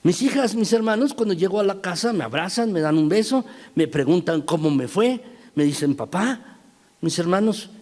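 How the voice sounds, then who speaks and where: A man's voice: high voice, animated, fairly quick, a little mellow. Emphatic male pastor preaching in a church. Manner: emphatic, repeatedly addressing the congregation as brothers. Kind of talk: sermon. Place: church sanctuary. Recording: long church-hall reverb.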